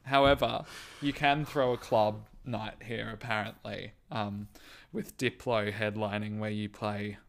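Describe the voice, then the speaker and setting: Gravelly relaxed man chatting wryly. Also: lowish voice, unhurried, hardly any pauses. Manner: relaxed, wry, hesitant with frequent ums. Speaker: podcast co-host. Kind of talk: casual chat.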